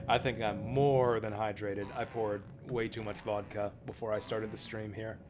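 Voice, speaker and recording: A man's voice: on the low side, level tone, measured pace. A man streaming a game, giving casual, rambling, enthusiastic fan commentary. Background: video game music and dialogue.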